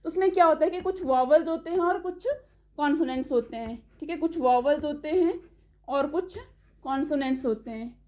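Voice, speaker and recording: A woman teaching English pronunciation, who explains step by step, checks in with the class often and spells words out slowly letter by letter. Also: high-pitched, darkish tone. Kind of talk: classroom-style lesson.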